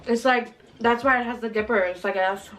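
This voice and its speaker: A woman's voice: on the high side, normal speed, fairly bright tone, faint music behind. A woman hosting a mukbang, chatting casually and giggling as she eats. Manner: chatty, giggly, talks while eating. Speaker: mukbang host. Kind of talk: casual eating chat.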